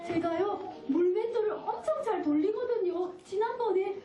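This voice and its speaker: A chirpy, earnest little shepherd boy with a very high voice, as a woman puts him on. Keen to obey, he talks up brightly. It is recorded from across an echoey room with children's chatter nearby. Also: moderate pace, distant mic. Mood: pleading. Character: eager obedient young shepherd boy.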